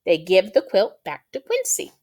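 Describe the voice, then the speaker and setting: A woman teacher reading a picture book aloud to children, slow and expressive, drawing out her words. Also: medium pitch.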